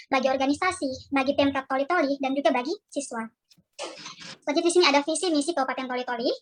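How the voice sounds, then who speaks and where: A woman's high voice, altered by a voice changer, races through a formal presentation. She explains like a teacher, signposting each section as she goes over a video call. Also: fairly bright tone. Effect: voice changer, digitally disguised voice. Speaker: teacher presenting a project proposal.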